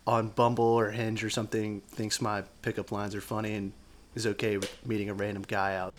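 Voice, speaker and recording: A man's voice: on the low side, little pitch movement, brisk. A man chatting casually as a podcast guest, crude, joking and self-deprecating. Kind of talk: casual chat.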